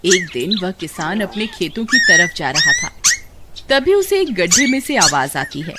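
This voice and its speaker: A woman's voice: medium pitch, huge pitch swings, a little slow, heavy background noise. A woman narrating a scripted bedtime story for a cartoon.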